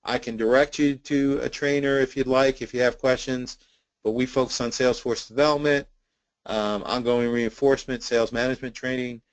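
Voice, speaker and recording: A man's voice: medium pitch, steady tone, a little fast, clean tone, dry recording, low-quality recording. Guy doing a sales training webinar, earnest coaching tone, kinda coughy, dry close mic. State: intermittent cough. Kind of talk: webinar presentation.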